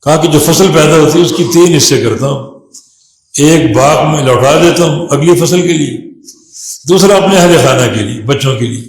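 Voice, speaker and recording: A man with a Pakistani Urdu accent giving a Friday sermon as imam, preaching a parable with rising emphasis. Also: a little high. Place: mosque hall. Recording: echoey mosque hall.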